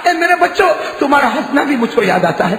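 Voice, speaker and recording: A man's voice: very high voice, big pitch swings, crowd noise, voice pushed up, full character voice. A man preacher voicing a grieving father who cries out to his enemies and his children, repeating his pleas in anguish. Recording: echoey hall reverb.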